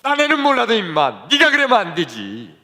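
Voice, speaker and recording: A man playing a gruff shouting melon-field keeper. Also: on the high side, animated, takes it slowly, long reverb tail, voice pushed up. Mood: scolding. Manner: loud scolding shouts. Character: gruff middle-aged male melon-field keeper scolding boys.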